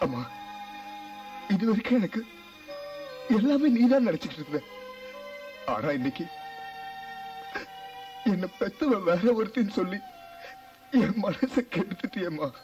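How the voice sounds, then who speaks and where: A hurt, reproachful son. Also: male voice, sits high, big pitch swings, a little slow, pauses often, darkish tone, recorded from a distance, lo-fi sound, faint music behind. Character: hurt young man confronting his mother. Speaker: grown son.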